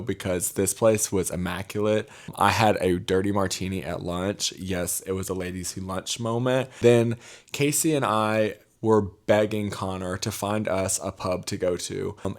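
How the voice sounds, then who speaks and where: A young man with a Mississippi accent telling travel stories in a casual, chatty vlog style, with gossipy, emphatic asides to the viewer. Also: lowish voice. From Mississippi, United States. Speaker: travel vlogger.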